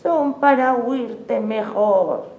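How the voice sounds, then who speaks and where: A woman voicing a sly, hungry male wolf in a storybook reading, stretching each word slowly. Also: fairly high pitch, darkish tone, roomy sound, voice pushed up.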